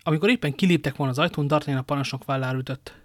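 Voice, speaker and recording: A man reading a novel aloud as narrator, steady with occasional slips and restarts. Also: a little high, no room sound, studio quality. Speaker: reader. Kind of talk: audiobook narration.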